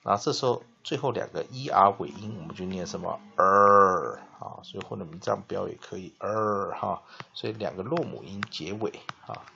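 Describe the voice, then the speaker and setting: A male teacher explaining English spelling, spelling words out letter by letter and repeating them slowly. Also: sits low, creaky, pushed and bright. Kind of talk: classroom-style lesson explanation. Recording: dull lo-fi recording with faint noise.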